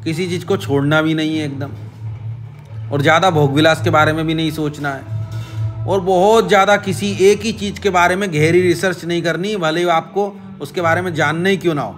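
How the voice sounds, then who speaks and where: Man, somewhat high voice, casual astrology explainer, repetitive listing, direct address, faint background music. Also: fairly even intonation, brisk. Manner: repetitive, direct address to viewer with frequent "ठीक है?"; listing advice in short chanted phrases. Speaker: astrology channel host.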